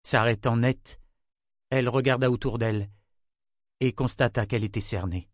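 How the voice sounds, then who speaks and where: A man narrating a fantasy novel as an audiobook in a steady, measured way. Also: mid-range voice, no room sound, clean studio sound.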